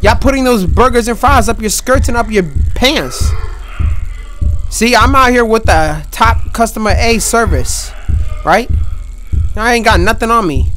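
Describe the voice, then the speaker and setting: A young gaming streamer commentates a horror game loudly and excitably, trash-talking until his high voice turns hoarse. He uses a headset mic at a home setup, with slight background noise.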